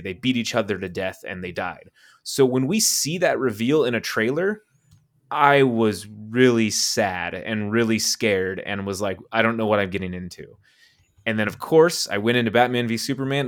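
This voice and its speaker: A man co-hosting a casual movie podcast, ranting with profanity and incredulous laughter. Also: on the low side. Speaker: podcast co-host.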